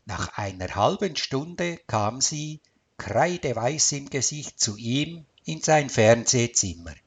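Slow, expressive male storyteller. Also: mid-range voice, breathy edge. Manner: dramatic, expressive reading. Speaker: narrator. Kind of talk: storytelling read-aloud.

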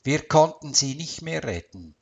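A man's voice: a little high, big pitch swings, unhurried, creaky, husky, full character voice. A man doing a formal, sober doctor. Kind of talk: storybook voice acting.

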